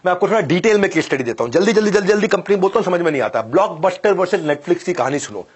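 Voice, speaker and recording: Male business coach, fairly high, husky voice; punchy, repetitive motivational delivery with big swings in loudness. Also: animated, quick pace. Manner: emphatic, repeats phrases, swings from loud declarations to low drops; commands listeners to listen.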